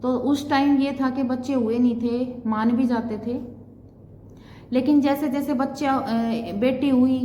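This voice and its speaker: A woman in her thirties, a vlogger, telling a personal story in an earnest, repetitive way. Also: sits high. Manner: earnest, repetitive, quotes others' words. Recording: echoey room with long reverb, faint noise.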